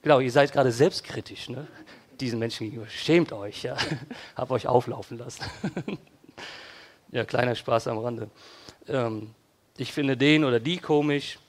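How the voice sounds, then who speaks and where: A man's voice: medium pitch, fairly even intonation, moderate pace, pauses often, husky. A man preaching a casual, conversational sermon in a church, addressing listeners directly and playfully acting out their worried and critical thoughts. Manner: conversational, ironic asides acting out worried inner voices.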